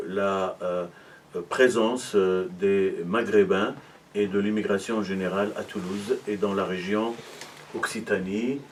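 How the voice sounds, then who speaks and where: This is a middle-aged Moroccan man, a university arts and culture officer, giving interview answers in a measured, explanatory way with many hesitations. His voice sits lowish with a darkish tone, and the mic is distant.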